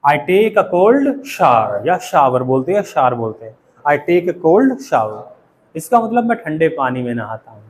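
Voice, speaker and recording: A man's voice: on the high side, big pitch swings, moderate pace, a little mellow. A man with an Indian accent teaching a spoken English class, often quizzing the students and having them repeat after him. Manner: asks the class questions and has them repeat.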